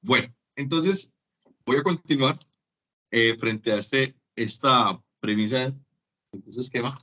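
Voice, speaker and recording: This online lecturer, a man, speaks slowly in a mid-range voice with a sharp tone during a web conference class. He chats casually and dramatizes little dialogues to make his examples.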